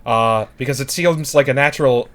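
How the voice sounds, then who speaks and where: A man in casual podcast banter with a mid-pitched voice. He trades wry, crude jokes. His delivery stays dry and teasing. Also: moderate pace, a bit bright. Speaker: podcast co-host. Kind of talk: casual chat.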